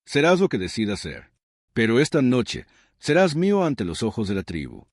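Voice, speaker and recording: A stern widow of the tribe, proud and commanding, voiced by a male narrator. She speaks slowly and gravely, each word weighed like a verdict. The storybook reading is dry and close, with a lively rise and fall. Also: medium pitch, dry recording. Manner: slow, grave, measured.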